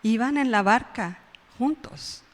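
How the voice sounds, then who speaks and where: A woman's voice: on the high side, lively intonation, slow pace, long reverb tail. A woman preaching a conversational sermon, often tossing in "¿verdad?" and laughing at her own retellings. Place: church hall.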